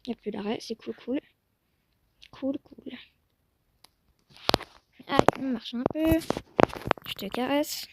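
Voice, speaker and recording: Her high voice comes slowly, with long pauses, over heavy background noise. This young woman streams Roblox horse-riding roleplay, offering laid-back gameplay commentary while coaxing and calling her virtual horse, alternating between soothing murmurs and panicked cries.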